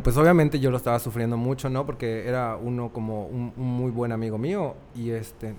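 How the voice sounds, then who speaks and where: A man's voice: medium pitch, mellow, a little hiss or hum. A young man with a Mexican Spanish accent, telling a personal story in a casual chat and laughing often. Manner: chatty, laughs often, acts out quoted voices.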